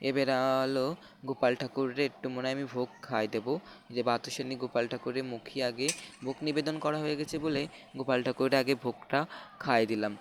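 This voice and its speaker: A man talks viewers through a home prayer ritual in a level, unvaried tone. He narrates in halting, repetitive steps, often restarting his words. A faint hiss sits under his voice. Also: medium pitch, steady tone. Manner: halting, repetitive explanations with frequent restarts and fillers; talks directly to viewers, inviting them to watch. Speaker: channel host. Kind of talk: casual step-by-step narration of a home worship ritual.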